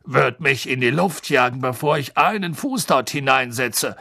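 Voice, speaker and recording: An audiobook reader voicing a gruff older male bus driver who talks slowly and grumbles his few words. He answers curtly and sounds set in his ways. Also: mid-range voice, sharp tone, dry recording, clean studio sound. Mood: gruff, grim. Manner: slow, grumbling, curt. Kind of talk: audiobook character voice.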